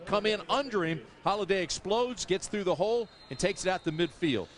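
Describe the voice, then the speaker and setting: Football color analyst over heavy noise. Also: male voice, high-pitched, animated, a little fast. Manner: breaks down plays in an easy, conversational way. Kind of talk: college football color commentary. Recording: loud noise under an old broadcast.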